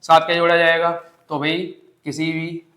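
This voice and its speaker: A man's voice: fairly high pitch, completely flat delivery, moderate pace, a bit bright. A young man teaching an exam-prep grammar lesson, repeating key points and asking and answering his own questions.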